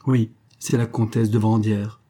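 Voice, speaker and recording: A man's voice: lowish voice, flat delivery, unhurried, dark tone, breathy edge. A man voicing a worried male magistrate who speaks urgently and pleadingly to his friend.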